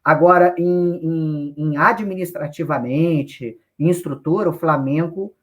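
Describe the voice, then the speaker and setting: A Brazilian guest with a Brazilian Portuguese accent gives casual football analysis, opinionated and casually swearing. He often restarts his sentences, speaking a little slowly in a fairly high voice.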